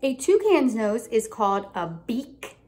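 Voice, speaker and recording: At an unhurried pace, a young woman in a room at home reads a picture book aloud, her pitch swinging lively as she emphasizes key words. Teacher-like, she uses deliberate storybook phrasing and stops to ask a small child simple questions.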